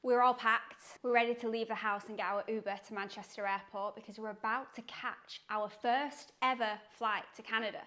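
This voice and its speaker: A woman's voice: fairly high pitch, steady tone, a little fast, hardly any pauses, pushed and bright. A young woman from England, chatting upbeat on a travel vlog and describing food with enthusiasm. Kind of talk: casual travel vlog chat. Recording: music playing under the voice.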